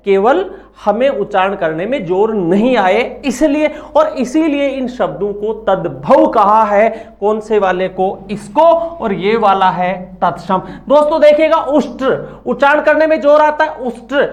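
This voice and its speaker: A man teaching a grammar lesson from slides. He asks questions and answers them himself, and has the class repeat words after him. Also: very high voice.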